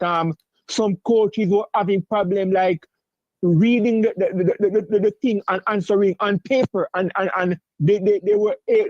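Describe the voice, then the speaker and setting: A man born and raised in Jamaica, calling into a sports show, who talks in halting bursts full of restarts and fillers and keeps insisting on his point. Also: high-pitched, dry recording, lo-fi sound. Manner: insistent, repeats himself. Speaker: caller. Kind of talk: call-in sports debate.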